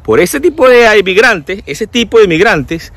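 A man's voice: sits high, big pitch swings, moderate pace, gravelly, a bit bright. A man giving casual sarcastic commentary, often mimicking people. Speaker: vlogger.

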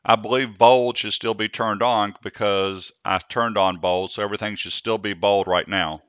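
Slow, deliberate man demonstrating dictation. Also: on the low side, fairly even intonation, a bit bright, clear, resonant tone, no echo. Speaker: software tutorial host. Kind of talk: screen-recorded software tutorial.

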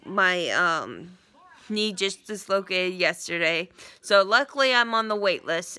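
Sitting on the couch in a small living room, a young vlogger records a casual update on her phone's front camera held at arm's length. A sinus infection leaves her voice stuffy and congested, though its fairly low tone stays bright and clear. She rambles with lots of ums and restarts.

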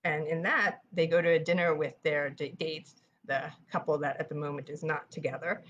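A woman with a New York accent gives a live-streamed talk on writing, with a notably low-pitched voice. She speaks quickly and casually, padding her thoughts with fillers. A faint hum of noise sits behind her. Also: steady tone, a bit bright, muffled recording. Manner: fast-talking, chatty, with frequent fillers. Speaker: author presenting writing tips.

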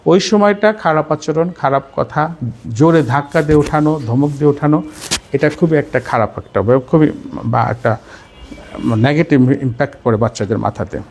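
A man training teachers, lecturing with a Bangladeshi accent and demonstrating tones and sounds out loud, slipping in slow, deliberate English phrases. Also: on the high side, slight background noise. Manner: animated, demonstrates intonation and sounds aloud.

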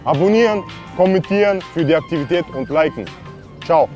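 A man filming a street prank video outdoors, talking in a playful, deliberately broken German persona. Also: fairly high pitch, lively intonation, darkish tone, faint music behind. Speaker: prankster YouTuber.

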